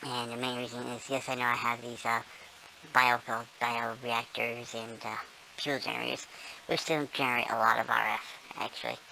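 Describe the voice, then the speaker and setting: Speaking at a normal speed with little pitch movement, this gamer sounds gravelly and sharp while a squirrel-like voice filter renders them squeaky and tiny. They ramble loosely through a tour of their build, often saying um and correcting themselves. The audio is poor, with slight background noise.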